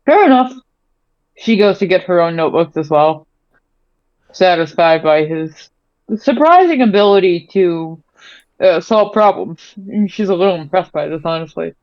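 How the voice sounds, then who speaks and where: A woman's voice: fairly low pitch, lively intonation, normal speed, dry recording. A woman playing a tabletop game, casually role-playing and narrating, often hesitant and repeating words. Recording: dry, slightly dull microphone sound.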